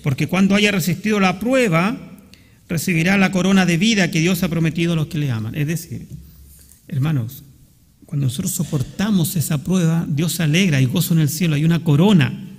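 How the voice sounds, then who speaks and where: A man's voice: on the high side, a little fast, long reverb tail. A man with a Chilean accent preaching a sermon as pastor, earnestly checking that the congregation follows along. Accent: Chilean Spanish. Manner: earnest preaching, often asking the congregation questions. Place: church sanctuary.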